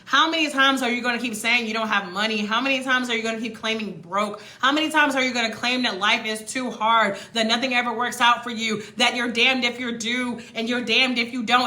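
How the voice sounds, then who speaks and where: An American woman giving a motivational livestream talk, loud and sharp, blunt and emphatic, stretching key words for effect. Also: a little high. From United States. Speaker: livestream host coaching on moving abroad.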